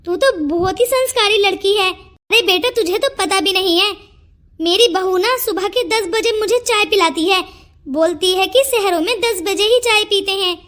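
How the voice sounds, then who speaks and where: A chatty older aunty in a cartoon story, as a woman puts her on. She speaks in a very high voice. She talks fondly and effusively. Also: normal speed, a bit bright. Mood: praising. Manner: effusive, fond.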